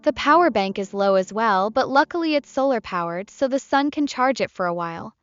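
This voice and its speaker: Casting: woman reading as a chatty, bitter young woman, higher pitch, muffled with soft music behind. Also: lively intonation, fairly quick, clean tone, no echo, close to an everyday voice. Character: talkative young woman camper, heartbroken, tipsy.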